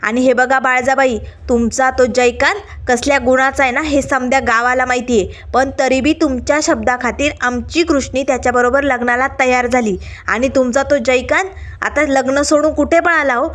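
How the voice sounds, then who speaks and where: A woman's voice: high-pitched, steady tone, normal speed, lightly acted. A woman voicing a fiery young village woman who confronts people indignantly.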